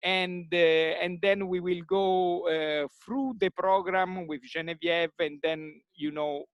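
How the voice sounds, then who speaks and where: High-voiced man moderating. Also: steady tone, slow, no echo, dull audio. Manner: repetitive, many fillers and restarts. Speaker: workshop moderator. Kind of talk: online meeting facilitation. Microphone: video call.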